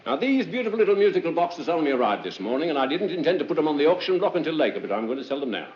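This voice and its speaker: Casting: hustling auctioneer, higher-pitched and very lively, theatrical patter, vintage film. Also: male voice, racing, slight background noise. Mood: coaxing, hustling. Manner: theatrical sales patter, repetitive calls. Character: chatty, wheedling London auctioneer, male, hustling salesman. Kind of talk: 1940s film acting. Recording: muffled 1940s film soundtrack, music behind.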